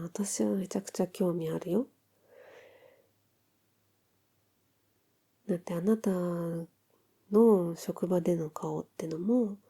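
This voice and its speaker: Casting: woman as tender newlywed wife, soft-spoken pillow-talk role-play, very soft dark tone, unhurried and intimate. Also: lowish voice, creaky, slightly rough, exaggerated voice. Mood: affectionate, curious. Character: affectionate newlywed wife chatting softly in bed.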